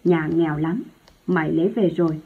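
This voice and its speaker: Storybook role: a shrewish, bossy old mother, read by a woman, husky and loud, on a tinny phone-like recording. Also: low-pitched, a little fast. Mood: scolding. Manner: loud scolding, harsh and contemptuous. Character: sharp-tongued shrewish older mother, domineering.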